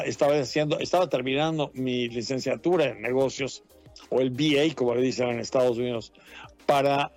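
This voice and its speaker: A man's voice: medium pitch, a little mellow. A man in his fifties, a journalist born in Mexico, telling his story in a casual interview, rambling and laughing often. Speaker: journalist guest. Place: Washington.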